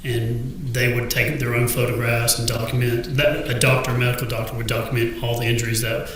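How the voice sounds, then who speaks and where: A man's voice: medium pitch, little pitch movement, fairly quick, a bit bright. A man working as an attorney, formally putting leading questions to a witness and asking for confirmation. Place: indoor courtroom. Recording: very echoey courtroom, distant mic, faint noise.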